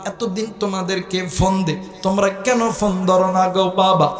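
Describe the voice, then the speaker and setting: A man's voice: sits high, fairly even intonation, fairly quick, natural voice. A man voicing a grieving adult son who searches for his dead mother, pleading in a wailing, sung voice. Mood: wailing grief. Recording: echoey hall with faint music.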